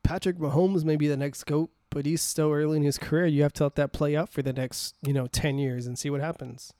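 A man's voice: on the high side, steady tone, brisk, mellow, no room sound, studio quality. A man co-hosting a podcast, chatting casually about sports, blunt and teasing, swearing freely. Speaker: podcast co-host.

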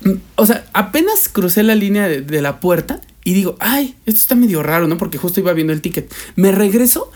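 A man with a Mexican Spanish accent co-hosting a casual podcast chat, telling stories and acting out quotes in exaggerated voices. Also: a little fast. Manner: animated storyteller, acts out quotes in high voices. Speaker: podcast co-host.

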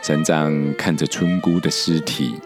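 A man narrating a storybook for children in a slow, deliberate telling. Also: a bass voice, fairly even intonation, loud music behind the voice.

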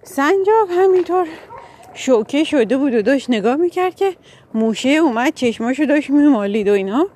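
A woman casually telling a children's story, pausing to explain animal names in English. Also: high voice, lively intonation, mellow. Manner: casual, informal, with fillers and self-corrections.

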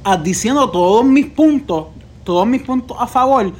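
A man's voice: extremely high pitch, animated, moderate pace, darkish tone. A young man with a Puerto Rican accent, co-hosting a podcast in casual, crude, teasing banter. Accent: Puerto Rican Spanish. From Puerto Rico. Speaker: podcast co-host. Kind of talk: casual chat.

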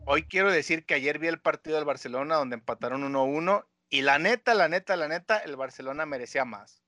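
A man's voice: on the high side, brisk, bright, forceful tone, no echo, studio quality. A man with a Mexican accent hosting a podcast in casual, slangy banter. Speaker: podcast host.

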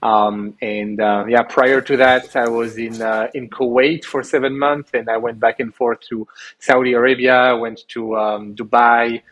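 A Frenchman in his thirties, appearing as a podcast guest over a remote call from his island home, tells his story in a casual interview. His mid-range voice is fairly bright but flat, a little slow, and full of hesitations, fillers, and restarts, all captured on a low-quality recording.

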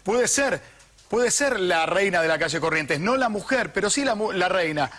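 Casting: Argentine man, high, sharp and bright voice, formal debating manner. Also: lively intonation. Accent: Argentine Rioplatense. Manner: formal, measured arguing. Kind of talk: heated TV debate.

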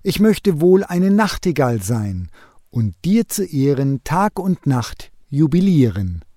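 A man voicing a small, discontented male sparrow who keeps wishing to be something else, in a lively storybook reading. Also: a little high, slow pace, dry recording, studio quality, exaggerated voice. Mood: plaintive.

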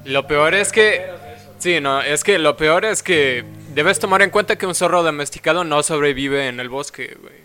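A man in a casual chat, talking slowly with hesitations. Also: fairly high pitch, bright, forceful tone, soft background music. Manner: slow, deliberate, hesitant. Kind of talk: casual chat among friends.

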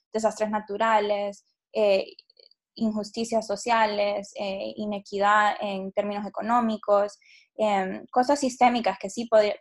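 A woman in her late twenties from Honduras, a startup CEO, speaking as an interview guest. She talks reflectively, pausing with fillers and restarting her sentences as she recalls her story. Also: mid-range voice. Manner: reflective, many fillers and restarts, occasional laughs. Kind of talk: casual interview answers.

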